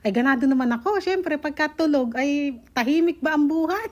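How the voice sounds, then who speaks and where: A young woman from the Philippines telling her viewers a personal travel story in a casual, animated way, acting out what people said to her. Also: high voice, brisk.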